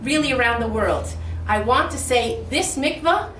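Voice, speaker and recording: An older woman from Detroit, Michigan, addresses a community event as guest speaker at a moderate pace, her pitch on the high side. The lively, funny, sincere speech is heard distantly in an echoing hall with faint noise.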